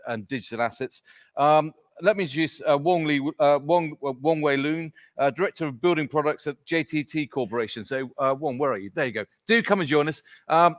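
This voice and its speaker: Brief: jovial conference moderator, man, fairly high voice, dry close sound, loose and chatty. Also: a bit bright, no echo. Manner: jovial, rambling with many fillers. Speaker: session moderator. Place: conference hall stage.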